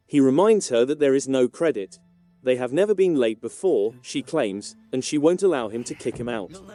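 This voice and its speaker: A man reading a scripted TV episode recap in a steady, even manner. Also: medium pitch. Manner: steady, even read-through of plot events.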